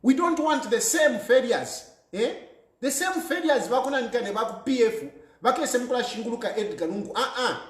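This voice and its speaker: A man's voice: extremely high pitch, lively intonation, moderate pace, echoey room. A man with a Zambian accent delivering an impassioned political monologue, fervent and repeating phrases for emphasis. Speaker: political commentator.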